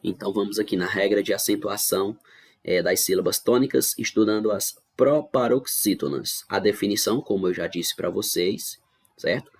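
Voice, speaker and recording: A man with a low voice leads an online review lesson for schoolchildren. He goes through each rule step by step, repeats the main points and keeps checking that the class is following. He sounds like he is recording at a computer for a screen-share class. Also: moderate pace, husky. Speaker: teacher.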